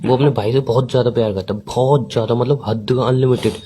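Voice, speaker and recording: A man's voice: mid-range voice, fairly even intonation, fast talker, mellow, a little hiss or hum. Exasperated man in a comedy phone sketch. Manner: exasperated, teasing complaints.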